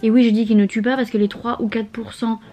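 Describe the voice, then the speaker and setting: A woman's voice: on the high side, little pitch movement, quick pace, warm tone. A young woman from France chatting casually in a vlog from her bedroom, slangy and playful, swearing freely, with asides. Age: young adult. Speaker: au pair vlogger. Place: bedroom, sprawled on her bed.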